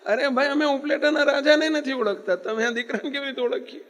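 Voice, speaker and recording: A man's voice: extremely high pitch, fairly even intonation, fast, fairly bright tone, pitched above the performer's own voice. A man voicing a humble wandering monk who politely coaxes a visitor to sit and listen. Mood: coaxing. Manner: meek, coaxing, polite. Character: humble, gentle group of wandering male monks. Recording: long hall reverb.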